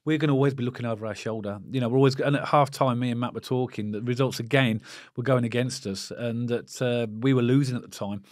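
A middle-aged man breaks down the match at a quick clip, gesturing as he talks. He sits at a desk mic in a small studio, and the sound is close and dry. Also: medium pitch, no echo. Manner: chatty, animated, hands moving. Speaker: football podcast co-host. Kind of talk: casual post-match chat. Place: small studio with club shirts on the walls. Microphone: desk mic on a boom arm.

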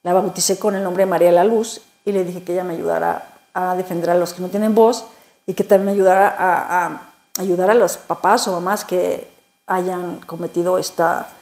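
Warm-voiced woman giving testimony. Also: on the low side, fairly even intonation. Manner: emotional, halting, many repeated words. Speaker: interview guest. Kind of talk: personal faith testimony.

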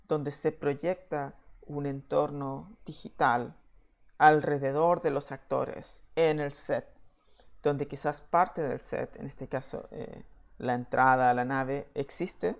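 A man delivers an online slide lecture from a room at home, speaking into a webcam at his desk. His voice has a gravelly, creaky edge, and he talks in a measured way, pausing often on "eh". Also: a little high, fairly even intonation. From Chile. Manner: measured, with frequent "eh" fillers. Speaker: VFX software engineer giving a talk.

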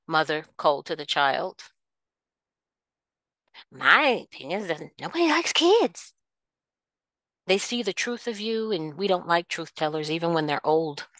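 A woman's voice: sits low, fairly bright tone, dry recording. A woman hosting a solo podcast, ranting with passion, repeating herself and firing rhetorical questions. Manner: impassioned, repetitive, rhetorical questions. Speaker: podcast host. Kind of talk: solo opinion rant.

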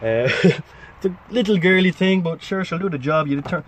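An Irish vlogger in his thirties, his voice sitting high and his pace moderate, rambles casually to a handheld camera or phone. Playful, informal and sweary, he's mostly outdoors by a parked van, and the outdoor handheld recording has faint noise.

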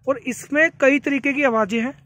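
Outdoors beside a tractor by a green field, a farming vlogger gives a casual, chatty product demonstration, often repeating himself and calling viewers brothers. His extremely high-pitched voice sounds sharp, with fairly even intonation and a fairly quick pace.

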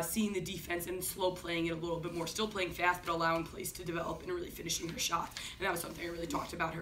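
A woman coach gives quick postgame answers, her voice low and even. She talks fast, with plenty of ums. The recording is distant, with faint hiss in a room. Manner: quick, steady, many ums. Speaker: head coach. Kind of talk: postgame press conference answers. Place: office-like room, indoors. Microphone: far camera.

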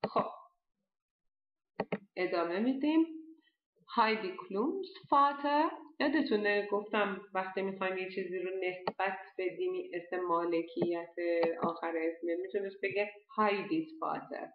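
A woman teaching a language lesson, explaining step by step and saying the foreign words slowly and carefully. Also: fairly low pitch. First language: Persian. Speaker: German teacher. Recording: dull lo-fi echoey room.

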